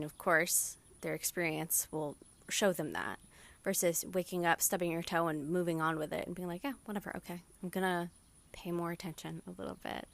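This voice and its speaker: A young adult woman hosting a podcast, talking through a calm guided meditation in a soft, soothing, reassuring way. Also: fairly low pitch, gravelly. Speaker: podcast host.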